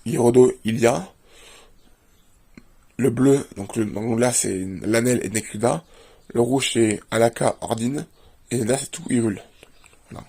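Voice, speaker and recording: A man's voice: mid-range voice, unhurried, vocal fry, long pauses, a little mellow, breathy edge. A man, a video creator, doing a casual show-and-tell and plainly listing items one after another. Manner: plainly lists items while leafing through a book.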